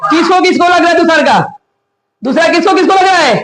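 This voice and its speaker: Male grammar teacher, classroom lecture, high pitch, roomy echo, quizzes students constantly. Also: fairly quick. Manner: questions the class often, animated.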